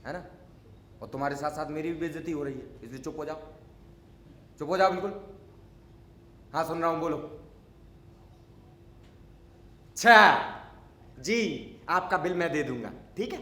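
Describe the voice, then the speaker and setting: A stage actor with a high-pitched, slightly bright voice performs a theatrical monologue as a grumpy, unsociable middle-aged neighbor. He scolds, lectures, and speaks sarcastically, and the sound is reverberant.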